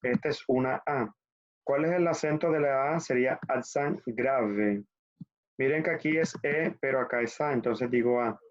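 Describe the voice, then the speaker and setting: A man gives an online language class, explaining each point patiently and step by step. His voice sits at an everyday middle pitch. The audio is a little dull and lo-fi, like a basic computer mic. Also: fairly even intonation. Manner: patient, explains step by step, spells letters out slowly. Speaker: French teacher.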